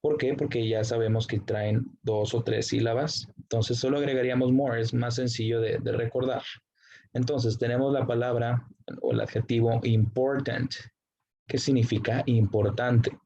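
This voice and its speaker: A man teaching an English grammar lesson, slowly explaining the rules, spelling out letters and translating every example. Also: medium pitch, steady tone, gravelly, warm tone, dull audio.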